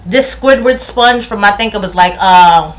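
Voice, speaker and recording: Speaking a little slowly in a mid-range voice, a beauty vlogger from New York in her thirties runs through a casual product review in a room at home. Her New York accent comes through as she chats, laughs often and loses words, starting over.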